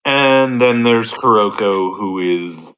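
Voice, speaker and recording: A man playing a tabletop role-playing game in casual chat, halting and thinking aloud as he goes. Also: lowish voice, a bit bright, smooth, highs cut off. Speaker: tabletop RPG player.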